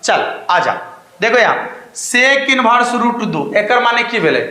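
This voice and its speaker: Emphatic Bihari male math tutor, high bright voice, coaxing questions, echoey room. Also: very animated, unhurried. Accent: Bihari Hindi. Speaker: math teacher. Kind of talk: online math lesson.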